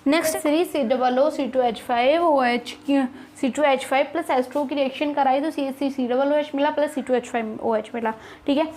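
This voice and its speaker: Steady in tone and a little mellow, a young woman with a high voice moves at a moderate pace through an online chemistry lesson, solving each problem step by step. She keeps reassuring the class, calls them kids, and asks rhetorical questions.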